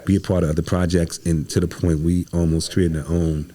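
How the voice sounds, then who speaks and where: Speaking a little fast with little pitch movement, this man's low, mellow voice carries animated stories as a podcast guest. He is an American playwright from the Midwest who talks in slang, hits points emphatically and acts out reported dialogue.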